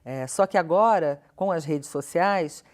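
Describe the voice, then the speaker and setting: A Brazilian woman, a professor and researcher, speaks unhurriedly as a guest in a TV studio interview. Her fairly low, slightly mellow voice explains her views in an articulate, questioning way, with emphasis placed on key words.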